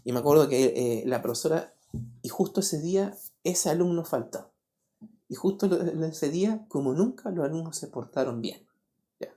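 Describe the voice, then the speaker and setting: A man, preaching a sermon as pastor. He talks in an animated way and keeps asking the congregation rhetorical questions. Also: a little high, moderate pace. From Paraguay. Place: church.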